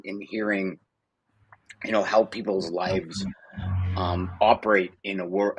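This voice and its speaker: A man's voice: deep voice, breathy edge, no echo. A man hosting a casual interview, rambling conversationally with lots of fillers. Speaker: podcast host.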